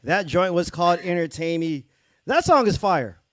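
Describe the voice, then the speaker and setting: A man's voice: high voice, sing-song, normal speed, fairly bright tone. Hyped man hosting a DJ livestream. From United States. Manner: hyped, repeats praise like "very dope". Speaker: livestream DJ host. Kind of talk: casual interview on a livestream.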